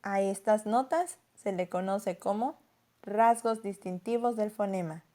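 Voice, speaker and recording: A woman narrating a scripted lesson as a teacher, explaining clearly and slowing down to stress example words. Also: mid-range voice, warm tone.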